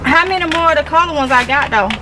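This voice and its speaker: A woman's voice: sits high, fast, noisy background. A woman from Mississippi with a Southern accent, chatting casually to her viewers while she works in a small greenhouse, repeating herself and calling them y'all. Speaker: gardening vlogger. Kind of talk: casual talk to camera while gardening. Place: small greenhouse tent, outdoors.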